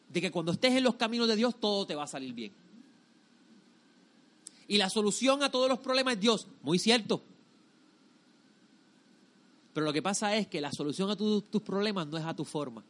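The religious teacher's voice sits high, sounding expressive and a bit bright as he talks fairly fast. His sermon-like lesson is emphatic and instructive, full of repeated phrases and rhetorical questions for his listeners.

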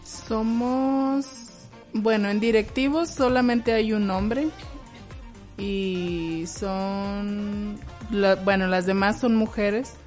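Slow, hesitant woman in casual talk. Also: mid-range voice, fairly even intonation, darkish tone. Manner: slow, hesitant, searching for words. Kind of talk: casual discussion. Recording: faint music behind.

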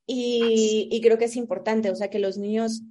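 A woman's voice: fairly high pitch, steady tone, normal speed, dark tone. A woman with a Mexican accent, a supportive co-host in a casual chat who reacts with short replies. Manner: supportive listener, short reactions, laughs easily.

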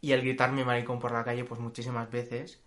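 A man's voice: medium pitch, flat delivery, brisk, a bit bright. Easygoing young man. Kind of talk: casual chat.

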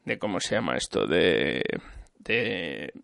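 A man's voice: deep voice, big pitch swings, slow, gravelly, a bit bright, no echo, studio quality. Man rambling about a film. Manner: rambling, full of restarts and repeated words. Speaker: film reviewer in conversation. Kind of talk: casual chat.

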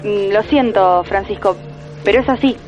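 An actress playing a guarded grown daughter who talks evasively and hesitantly, heard over a landline phone. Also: female voice, mid-range voice, moderate pace, music in the background. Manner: evasive, hesitant, full of fillers. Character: guarded adult daughter shielding her father. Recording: dull muffled phone line.

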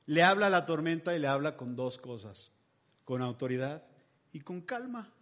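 A man preaching in a loose, joking storytelling manner. His voice sits high for a man and he chats with the congregation as if among friends. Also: animated, moderate pace, a bit bright. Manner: chatty, humorous storytelling. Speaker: pastor. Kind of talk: sermon.

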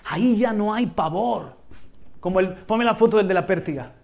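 Impassioned high-voiced Spanish pastor. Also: male voice, normal speed, gravelly. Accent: Spain Spanish. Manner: impassioned, rising to exclamations. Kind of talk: sermon.

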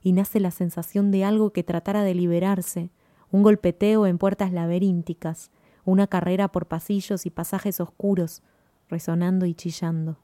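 A woman reading a first-person story aloud in a calm, measured, lyrical way. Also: on the low side, no echo, studio quality. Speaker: narrator.

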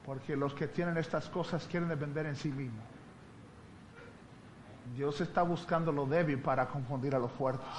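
Animated, laughing male preacher. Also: fairly high pitch, moderate pace, long pauses, a little hiss or hum. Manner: animated storyteller, laughs often. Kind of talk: sermon.

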